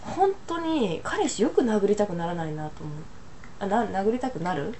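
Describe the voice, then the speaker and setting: A woman's voice: medium pitch, big pitch swings, normal speed, dark tone, slight background noise. A woman co-hosting a casual talk, giving blunt, dry reactions to her partner's jokes. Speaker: co-host. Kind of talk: casual banter.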